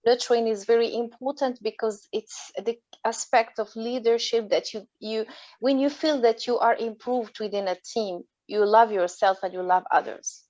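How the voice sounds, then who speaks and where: A woman's voice: on the high side, moderate pace, darkish tone, no room sound, dull audio. A woman from Morocco with a French accent, speaking as a guest on a webinar in a passionate, earnest way and often restarting her words. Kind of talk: earnest panel talk.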